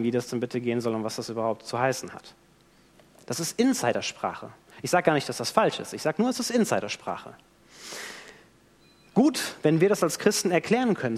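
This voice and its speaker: In a church, a preacher with a fairly high voice delivers his sermon as animated storytelling, acting out the quotes as his pitch rises and falls sharply. A long reverb hangs in the hall behind him.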